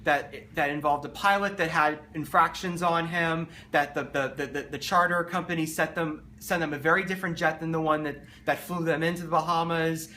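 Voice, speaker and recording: A man co-hosting with unscripted explanations, talking haltingly and repeating words as he goes. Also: on the high side, pushed and bright. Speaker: co-host. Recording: distant mic, background noise.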